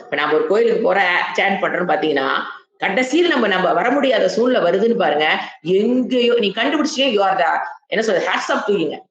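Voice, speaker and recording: A woman giving a scripture class. She talks emphatically, repeats key words, quizzes her listeners and chants verses slowly. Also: medium pitch. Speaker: Vedanta teacher. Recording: echoey, dull lo-fi room recording.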